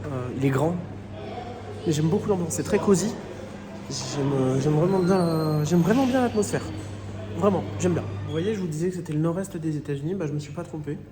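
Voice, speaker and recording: A man's voice: fairly high pitch, brisk. A man chatting enthusiastically as he vlogs his walk around a theme park, filming himself on a phone. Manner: chatty and enthusiastic, often restarts phrases. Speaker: vlogger. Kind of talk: casual vlog chat. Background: music.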